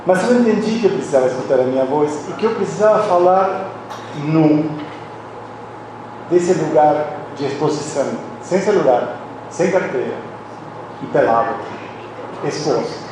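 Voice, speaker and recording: A middle-aged man delivers a reflective, confessional philosophy lecture with a slightly high voice. He is caught from well back in a strongly reverberant hall, and a steady background noise sits under his words. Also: moderate pace, pauses often. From Argentina. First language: Spanish. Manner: reflective and confessional, with frequent restarts. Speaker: conference speaker, philosophy professor. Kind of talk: personal academic lecture. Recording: very echoey hall, voice from a distance, audible background noise.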